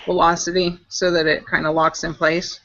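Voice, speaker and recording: A woman's voice: fairly low pitch, level tone, normal speed, fairly bright tone. Upbeat chatty woman on a lo-fi call. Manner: chatty, upbeat, explains as she works. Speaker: guest e-juice maker demonstrating coil builds. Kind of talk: casual live-stream chat.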